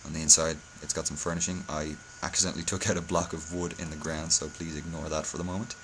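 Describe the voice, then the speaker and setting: With a bass voice and flat delivery, a hungover tutorial host moves quickly through a casual game-building video, faltering and correcting himself often. Background noise is audible.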